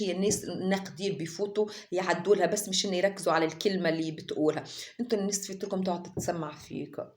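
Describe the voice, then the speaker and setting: A woman, a YouTuber ranting to her viewers about other channels, indignant and emphatic, repeating oaths. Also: fairly low pitch. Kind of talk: casual rant to camera.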